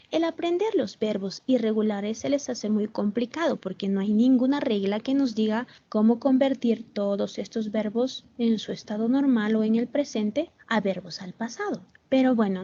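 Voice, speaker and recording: A woman's voice: fairly high pitch, warm tone, lo-fi sound. A woman English teacher explaining a lesson patiently in an online class, often checking whether the students follow. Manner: patient, slow, repeats "¿Ven?" to check understanding. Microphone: video call.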